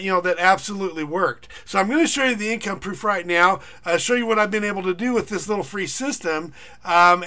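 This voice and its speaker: In a casual screen-recorded pitch, a middle-aged online income marketer and teacher uses his high, bright voice to walk viewers through a way to make money. He rambles and hesitates, full of fillers like "uh" and restarts, and rattles off long, quick lists of payment figures.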